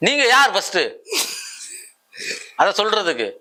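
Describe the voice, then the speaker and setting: A man's voice: high-pitched, sing-song, measured pace, pushed and bright. A man doing a prank street interview, teasing his subject with the same questions over and over. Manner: teasing, needling with repeated questions.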